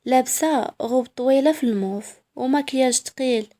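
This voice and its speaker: A woman's voice: high voice, fairly quick, mellow. A woman with a Moroccan accent narrating a first-person story in a proud, sassy way.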